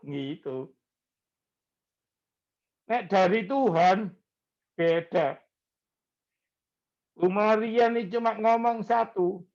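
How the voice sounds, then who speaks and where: Pastor man, talks real slow, kinda muffled lo-fi church recording. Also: sits high. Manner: slow, conversational preaching mixing in Javanese words. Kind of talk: sermon.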